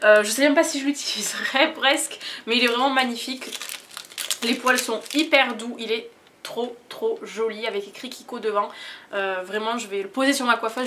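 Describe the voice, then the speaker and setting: A woman's voice: a little high, a bit bright, a little hiss or hum. A young woman chatting enthusiastically in a casual haul vlog, gushing as she shows what she bought. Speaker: beauty vlogger.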